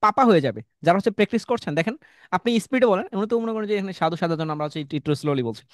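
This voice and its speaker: A man's voice: sits high, animated, very fast, no room sound, studio quality. A man teaching an online class, coaching students through tongue twisters and calling on them by name. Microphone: computer mic on a video call.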